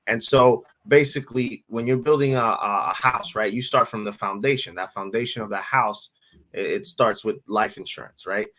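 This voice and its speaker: A man in his thirties from the Dominican Republic, speaking as a guest financial advisor in a casual interview, in a relaxed way, often repeating words and asking "right?". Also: lowish voice, moderate pace, poor audio. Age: 30s. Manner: relaxed, repeats words while thinking, asks rhetorical "right?".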